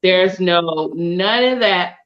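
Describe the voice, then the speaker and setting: A woman's voice: fairly low pitch, takes it slowly, muffled recording. A woman co-hosting a live video podcast, giving her opinions in a casual, emphatic way. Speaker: podcast co-host. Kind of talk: casual chat. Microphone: video call.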